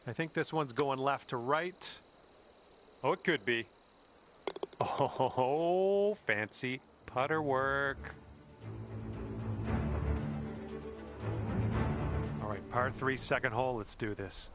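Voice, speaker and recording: A man's voice: mid-range voice, slow, lightly acted. A man voicing a cheerful, encouraging golf caddie in a game, calling shots in an upbeat, folksy way over background music. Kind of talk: game voice lines.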